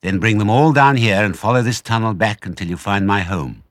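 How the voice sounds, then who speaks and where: A man voicing a confident, crafty father fox in a storybook, brisk, courteous and conspiratorial. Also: lowish voice, no echo, clean studio sound, voice pushed up, close to an everyday voice.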